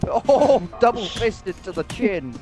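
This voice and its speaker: A man's voice: high-pitched, expressive, slow pace. A man in casual, sweary, incredulous banter while playing a game with friends. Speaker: player in a group gaming session. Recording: loud music behind. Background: loud music.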